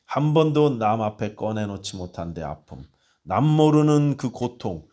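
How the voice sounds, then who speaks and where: Low-voiced pastor preaching a sermon. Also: male voice, expressive, a little slow. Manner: storytelling with rhetorical questions; swings between hushed and raised emphasis.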